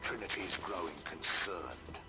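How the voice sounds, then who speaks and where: An actor playing a curt, menacing overseer in a video game cutscene who talks in a clipped way. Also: male voice, deep voice, expressive, unhurried, loud music behind the voice.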